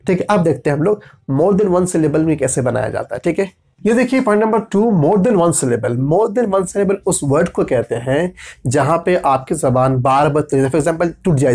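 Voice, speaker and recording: A man with a voice on the high side and a darkish tone gives an explanatory grammar lesson. He spells out letters patiently and frequently checks in with those listening.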